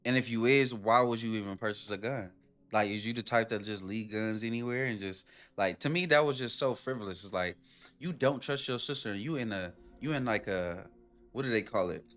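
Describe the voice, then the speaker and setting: A man streaming, reacting to a video with animated, profane, rhetorical ranting in casual commentary. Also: fairly low pitch, a little fast.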